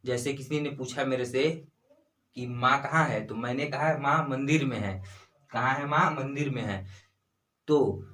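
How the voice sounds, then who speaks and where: A young man teaching grammar, slowly repeating key phrases and answering his own questions. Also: medium pitch, fairly bright tone. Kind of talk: explaining Hindi grammar to students.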